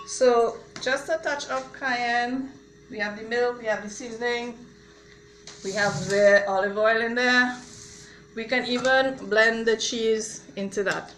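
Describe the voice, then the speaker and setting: A woman's voice: medium pitch, background noise. A woman, a mother cooking at home and chatting viewers through each step of a recipe. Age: adult mother. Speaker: home cook showing a recipe. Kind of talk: casual cooking demonstration. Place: home kitchen. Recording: echoey kitchen with clattering cookware. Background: dishes, cutlery and blender clatter.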